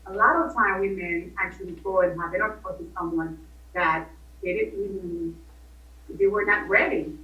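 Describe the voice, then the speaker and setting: A woman's voice: normal speed, sharp tone. A woman appearing as a guest coach in a talk show interview, emphatic and opinionated. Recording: distant, echoey, dull low-fidelity sound.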